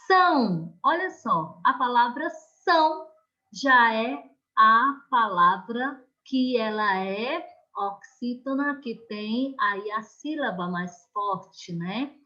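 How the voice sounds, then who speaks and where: A Brazilian woman teaching an online class, explaining slowly and patiently and often checking that the children follow. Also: on the high side, bright, forceful tone, muffled recording. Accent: Brazilian Portuguese.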